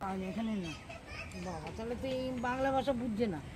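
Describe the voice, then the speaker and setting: Quiet woman making asides outdoors. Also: a little high, lively intonation, fairly quick. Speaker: companion off camera. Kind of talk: casual chat. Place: outdoors at a zoo.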